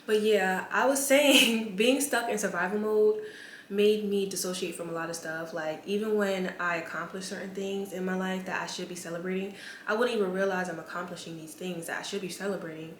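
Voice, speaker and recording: A woman's voice: medium pitch, fairly even intonation, fairly quick, slight background noise. A woman in her twenties talking candidly to her camera as a vlogger, casual and full of "like" fillers. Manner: chatty, many "like" fillers, candid. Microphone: camera mic. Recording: roomy with faint ambience.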